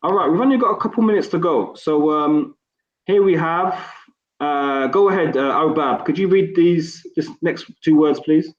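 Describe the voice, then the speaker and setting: A man's voice: on the high side, moderate pace. A man teaching an online Arabic class, patient and encouraging, explaining pronunciation step by step. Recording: echoey room, slightly dull sound.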